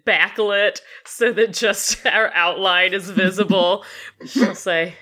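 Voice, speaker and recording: A woman's voice: mid-range voice, fairly even intonation, takes it slowly, bright, forceful tone. A woman casually improvising what her character does as a player on a tabletop role-playing podcast. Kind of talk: casual improvised game narration.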